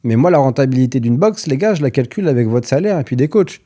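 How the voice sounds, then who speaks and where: A man's voice: medium pitch, animated, quick pace, mellow. A man coaching gym owners on running their business, talking bluntly and casually and swearing freely. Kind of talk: direct-to-camera advice video.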